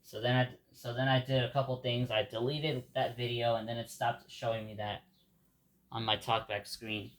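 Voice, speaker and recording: A vlogger from Ecuador, a native Spanish speaker, reflects casually to his viewers on a rough recording, repeatedly calling them "guys." He rambles, restarts, and repeats words in a flat, mid-range voice at a moderate pace.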